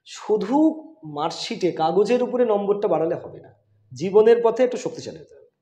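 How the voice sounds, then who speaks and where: A man's voice: high voice, expressive, normal speed, dark tone, lo-fi sound. A man who heads a school, speaking in an insistent, emphatic way and repeating his key points. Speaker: school headmaster. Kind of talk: conversational interview. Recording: roomy sound.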